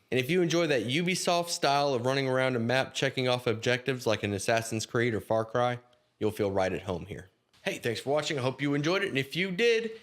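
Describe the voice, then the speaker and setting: A man's voice: mid-range voice, fairly bright tone. A man reading a scripted game review, casually addressing viewers directly.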